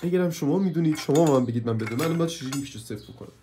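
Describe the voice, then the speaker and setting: A man with a cold and a hoarse voice, complaining as he reviews a purchase in a casual hands-on video and keeps asking viewers for help. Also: on the high side, animated, mellow, a little hiss or hum.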